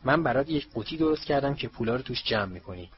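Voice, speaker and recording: A man reading an earnest schoolgirl who briskly hands out tasks to her friends. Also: mid-range voice, animated, close to an everyday voice. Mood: bossy, eager. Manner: brisk, businesslike instructions. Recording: muffled, faint hiss.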